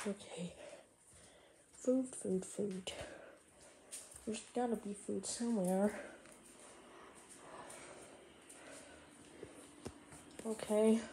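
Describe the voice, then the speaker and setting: A woman's voice: mid-range voice, warm tone, slight background noise, voice pushed down. A woman voicing Junior, a hungry, whiny young boy in a plush toy comedy skit. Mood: fretful. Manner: whiny, pleading.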